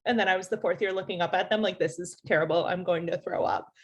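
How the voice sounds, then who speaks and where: A young woman in her twenties from the Chicago suburbs, a panelist telling stories in an animated, laughing way. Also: lowish voice, quick pace, slightly rough, lo-fi sound. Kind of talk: casual chat.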